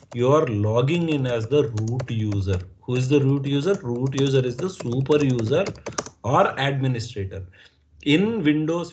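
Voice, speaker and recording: A man's voice: medium pitch, a little mellow, slight background noise. A man with an Indian English accent teaching a live online class, patiently repeating points and checking that students understand. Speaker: instructor.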